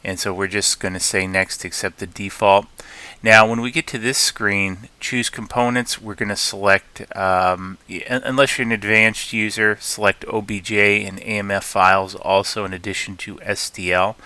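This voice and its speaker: Deep, bright-voiced man with halting delivery. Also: steady tone, clean tone, dry recording. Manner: halting, many fillers and restarts. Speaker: channel host. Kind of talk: screen-recorded tutorial.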